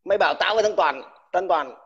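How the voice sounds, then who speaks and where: Fiery, abusive veteran on a dull recording. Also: male voice, high-pitched, fast talker, a bit bright, slightly rough. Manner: combative, insulting, addresses the listener with crude terms; stammers and repeats words when heated. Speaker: army veteran speaking out online. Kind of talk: angry livestream rant.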